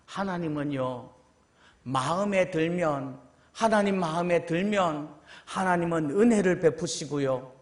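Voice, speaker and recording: A man's voice: on the high side, unhurried. A male senior pastor preaching a sermon in a church sanctuary, often asking his congregation questions and acting out quotes.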